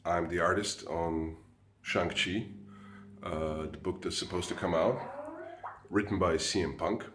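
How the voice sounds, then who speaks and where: Very low male voice, from Croatia, halting and full of fillers, echoey studio room. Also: steady tone, background noise. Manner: halting, many uh fillers and restarts. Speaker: guest comic artist. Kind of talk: casual video message. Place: home studio.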